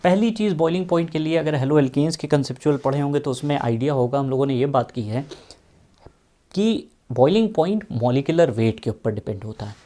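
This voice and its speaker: Male chemistry tutor, slightly high mellow voice, repetitive explaining style. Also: fairly quick. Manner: repeats key questions, drawls out terms while writing. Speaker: chemistry teacher.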